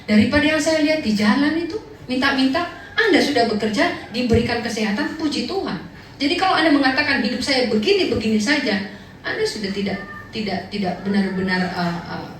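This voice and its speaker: A woman pastor delivering a lively, humorous sermon, acting out the people in her stories. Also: on the high side, brisk. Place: large church hall. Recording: echoey, distant church recording with faint noise.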